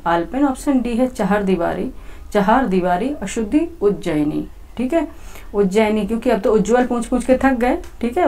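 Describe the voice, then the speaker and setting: A woman with a rather high yet dark voice leads an exam-prep lesson, working through questions step by step for her students. She repeats herself a lot and often says "theek hai," or "okay."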